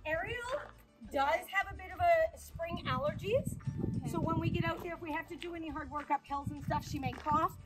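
A woman riding instructor welcoming riders and walking them through each step in a friendly, clear way. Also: extremely high pitch, fairly quick, low-quality recording. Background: background music.

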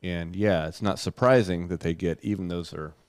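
A man's voice: low-pitched, normal speed, smooth, dry recording. A middle-aged man, a doctor and co-host, explaining health topics casually in a podcast chat, thinking aloud with fillers.

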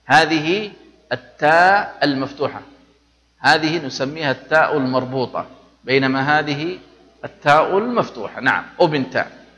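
A male teacher leads a patient classroom lesson with a clear, bright tone. He walks through each rule methodically, pausing to ask questions. The recording carries a lingering reverb. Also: fairly high pitch, expressive. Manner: explains step by step, asks the class questions and answers them. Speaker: Arabic teacher.

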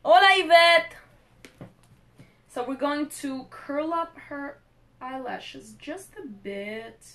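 A woman's voice: high voice, animated, takes it slowly. A young woman hosting a makeup live stream, chatting playfully with viewers as she works. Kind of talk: casual live-stream chat while doing makeup.

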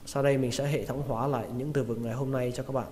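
A man giving a spoken vocabulary lesson, saying each word slowly and repeating it with care. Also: medium pitch, fairly even intonation, dark tone. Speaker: English pronunciation teacher. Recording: long reverb with faint noise.

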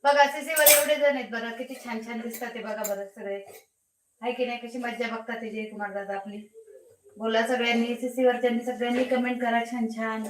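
A woman's voice: fairly high pitch, steady tone, a little fast, recorded from a distance. A woman hosting a casual live stream from her home kitchen, teasing and calling out to viewers by name. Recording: echoey room, faint background noise.

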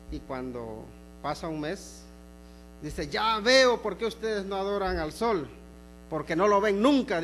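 High-voiced preacher with emphatic delivery. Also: male voice, a little hiss or hum. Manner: emphatic preaching, slows on key phrases, drops to soft asides. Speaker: pastor. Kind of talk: sermon. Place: church sanctuary.

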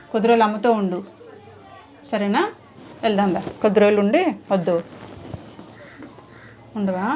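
A woman hosting an interview, coaxing a child with soft, repeated questions. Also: medium pitch, slight background noise. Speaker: host. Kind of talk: casual interview.

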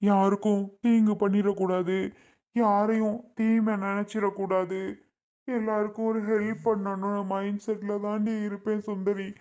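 A man's voice: sits high, steady tone, moderate pace, long pauses, lightly acted. A man playing a grieving young husband and brother, lamenting through sobs. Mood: sobbing, anguished. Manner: sobbing, pleading lament. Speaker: actor in a family skit.

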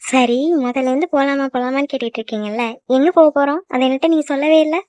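Woman doing a high quick-talking jealous girlfriend in a cartoon, sulky and snappy, dry close sound. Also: fairly even intonation, darkish tone, no room sound, close to an everyday voice. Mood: curious, pleading. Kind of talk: cartoon voice acting.

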